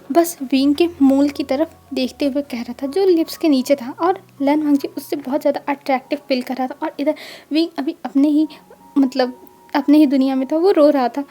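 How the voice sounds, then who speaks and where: A woman's voice: high voice, steady tone, normal speed, dark tone, soft background music. A woman casually retelling a fan story in a chatty way, linking every line with "then he says". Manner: chatty, keeps repeating "then he says" links.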